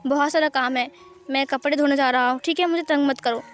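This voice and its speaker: Brief: a woman playing a sarcastic, nagging young husband in a storybook, high voice. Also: fairly even intonation, brisk, faint music behind, natural voice. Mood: scolding. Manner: scolding, sarcastic. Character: sharp-tongued, overworked young husband.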